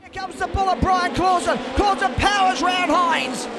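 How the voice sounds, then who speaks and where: A man calling a race at a very high, strained pitch over loud crowd and engine noise, in full hype-announcer mode. He shouts excitedly and stretches out his calls to build the drama. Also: normal speed.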